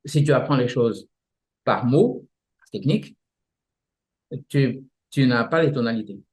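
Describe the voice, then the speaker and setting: A man explaining martial arts practice in a relaxed interview, often restarting his sentences and using images. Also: mid-range voice, unhurried. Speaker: martial arts teacher, guest.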